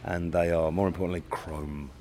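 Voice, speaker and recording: A man's voice: sits low, fairly even intonation, moderate pace, mellow, slight background noise. A man with a Cockney accent, a band's drummer, bantering in a laid-back, self-mocking way. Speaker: band drummer. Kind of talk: casual banter.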